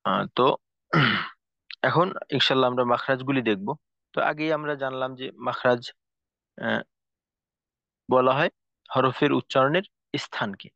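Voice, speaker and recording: A man teaching a tajweed lesson, explaining slowly and carefully with frequent pauses and fillers. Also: medium pitch, creaky, no room sound. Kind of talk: recorded lesson lecture. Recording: dull lo-fi recording, dry.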